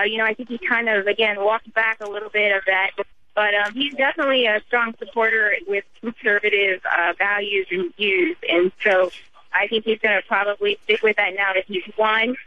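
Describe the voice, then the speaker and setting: A woman reporting live and unscripted from an election event, speaking hesitantly with many filler phrases over a remote line. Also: mid-range voice. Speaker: radio political reporter. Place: campaign headquarters event. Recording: muffled noisy radio remote line.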